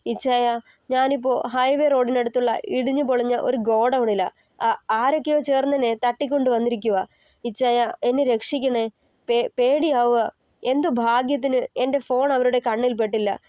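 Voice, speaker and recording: Brief: woman reader doing a cunning young man, fake tears and quiet menace, slightly high, dry and dull-sounding audio story. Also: fairly even intonation, moderate pace, no room sound, natural voice. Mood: fake sobbing. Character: scheming young man faking a kidnapping.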